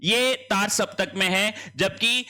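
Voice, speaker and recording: Male tutor, high-pitched, walks students through answer options one by one. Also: slow, sharp tone. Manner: explains each option step by step, checking in with students. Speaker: Hindi exam tutor. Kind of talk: exam answer-key lesson.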